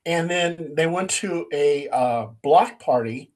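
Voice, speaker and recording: A man who is a paranormal investigator and co-host, telling stories in a casual, animated way and acting out quotes. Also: a little high, slow, poor audio. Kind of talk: casual storytelling chat.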